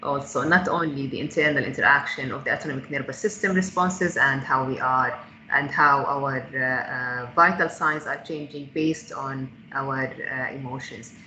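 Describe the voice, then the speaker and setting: Woman taking panel questions on a call, halting with lots of uhs, bright tone, roomy muffled audio. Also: rumbling low. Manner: hesitant, many fillers and restarts. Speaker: startup founder answering audience questions. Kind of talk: online panel Q&A. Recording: echoey, dull call audio with faint noise.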